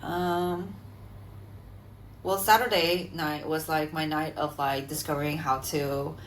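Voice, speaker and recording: A woman in her thirties co-hosts a podcast in easy casual chat, chatty and quick to laugh. Her voice sits a little low. A faint hum of room noise runs under the recording. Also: steady tone, poor audio. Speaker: podcast co-host.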